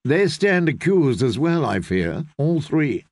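A man's voice: a little high, sing-song, a little mellow, no room sound, clean studio sound, full character voice. A man doing a cool, scheming queen mother. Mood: cold. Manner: measured, smooth and condescending.

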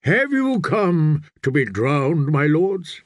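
Here a man takes on the role of a stern, zealous priest of a sea god in a fantasy audiobook, solemn and commanding as the dramatic character voice demands. His pitch is fairly high and his delivery very animated yet slow. There's no room sound at all.

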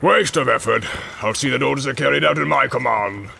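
A man's voice: medium pitch, brisk, gravelly, bright, forceful tone, slight background noise. A man voicing a brutal, bossy male orc captain who barks and mocks. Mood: mocking. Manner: barking, mocking, commanding.

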